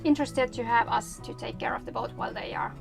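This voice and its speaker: Speaking English as an interview guest, this native Finnish speaker from Finland keeps things casual and conversational. Her creaky voice is on the high side, fast, with fairly even intonation, and there's music behind her.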